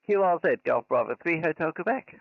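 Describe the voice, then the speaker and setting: At a convention special event station, a ham radio operator works live contacts in a fairly high, creaky voice that is animated and fairly quick. He trades call signs and signal reports in a courteous, procedural way. The audio is a bit muffled and dull.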